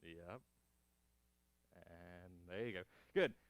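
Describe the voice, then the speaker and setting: A man's voice: sits low, extremely slow, vocal fry, slight background noise. A man instructing a martial arts class, giving short clipped counts and cues along with encouraging feedback as he demonstrates moves.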